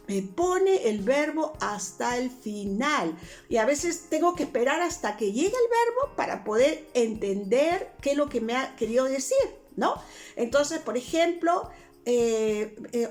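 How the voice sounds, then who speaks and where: A woman language teacher, explaining grammar patiently through many examples in a casual video lesson. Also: high voice.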